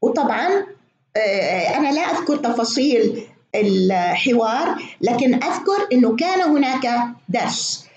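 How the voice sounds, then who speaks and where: A woman giving a spoken lecture, explaining with many examples and often pausing with fillers. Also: fairly high pitch, very animated, a little mellow, a little hiss or hum. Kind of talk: spoken lecture on reading and spelling. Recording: echoey, dull lo-fi room recording.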